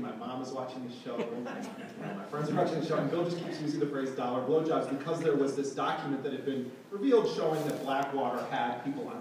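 A journalist and author giving a talk to a live audience, telling an anecdote in a sardonic, indignant way. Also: male voice, medium pitch. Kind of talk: public speech, anecdotal storytelling. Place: lecture hall before a live audience. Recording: echoey hall, distant mic, background noise.

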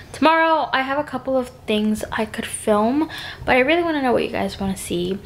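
A woman's voice: mid-range voice, slight background noise, poor audio. A young woman in her twenties chatting casually to camera in a home vlog, upbeat and full of fillers. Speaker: vlogger. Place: home living room and bedroom. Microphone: camera on tripod.

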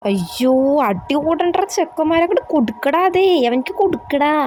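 A woman's voice: high voice, expressive, brisk, a little mellow, slight background noise. A woman playing an older grandmother in a homemade family skit. The grandmother coos over one grandson and scolds the others. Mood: scolding. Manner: coaxing and scolding by turns, sing-song baby talk.

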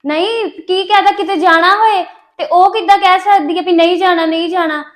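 A woman's voice: very high-pitched, steady tone, a little fast. A woman playing a defiant young wife with a Punjabi accent, arguing back at her husband. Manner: sharp, defiant. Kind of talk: family drama acting.

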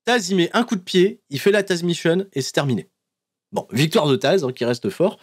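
A man hosting a podcast, recapping in a casual, animated storytelling way and laughing often between fillers. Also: on the high side, normal speed, husky. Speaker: podcast host recapping wrestling episodes.

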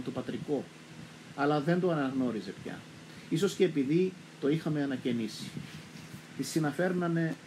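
A man with a Cypriot accent reads a first-person literary passage in a calm, measured way. His voice sits a little high for a man, and there is a faint noise behind it. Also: poor audio. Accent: Cypriot Greek. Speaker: literature reader. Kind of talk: literary reading.

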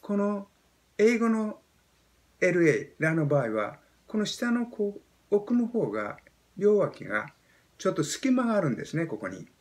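A Japanese man in his seventies teaching pronunciation, explaining step by step and demonstrating sounds with animated emphasis. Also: high voice, a little slow. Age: 70s. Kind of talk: explaining lesson.

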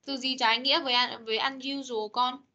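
High bright teacher drilling pronunciation. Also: female voice, level tone, dull audio. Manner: patient, corrective, models words slowly. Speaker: English teacher. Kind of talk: online class pronunciation drill. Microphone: computer mic on video call.

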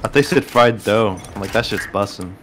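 Deep-voiced young gamer bro. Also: male voice, a little fast, noisy background. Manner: slangy bro talk. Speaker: teammate in an online shooter match. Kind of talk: casual gaming chat.

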